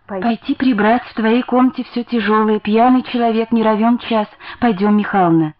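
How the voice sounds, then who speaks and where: A woman's voice: fairly high pitch, moderate pace, highs cut off, pitched above the performer's own voice, close to an everyday voice. A woman voicing a pitying, anxious landlady. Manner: sighing, anxious.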